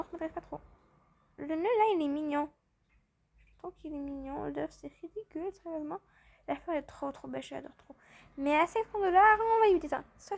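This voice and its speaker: A woman chatting through gameplay commentary, rambling and excitable, a little tired from just waking up. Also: high-pitched, vocal fry. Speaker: gaming channel host.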